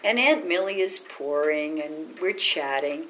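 An older woman being interviewed, telling family memories in a lively, anecdotal way and acting out quoted voices. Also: sits low, a little slow, a little hiss or hum, low-quality recording. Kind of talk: oral history storytelling.

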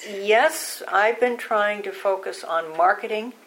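An older woman being interviewed for an oral history, recollecting in measured, halting short phrases. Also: mid-range voice, fairly bright tone, a little hiss or hum, poor audio.

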